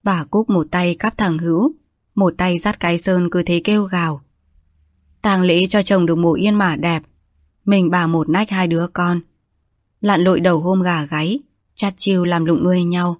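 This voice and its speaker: A woman reading a story aloud as a calm, measured storyteller. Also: on the low side, no room sound, studio quality. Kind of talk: scripted narration of a story.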